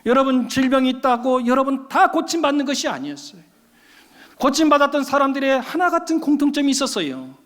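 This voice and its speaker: A man delivers a sermon from the pulpit, his voice pitched very high and full of emphatic appeals to the congregation. The sound carries through a church sanctuary with a long, lingering reverb. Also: big pitch swings, brisk, fairly bright tone. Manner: emphatic preaching, calling out to the congregation. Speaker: pastor.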